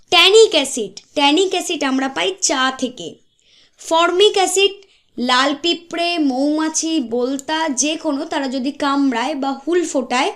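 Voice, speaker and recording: A woman's voice: sits high, fairly bright tone. A woman giving an exam-prep science lesson, asking questions and answering them herself, repeating key facts. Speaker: quiz teacher.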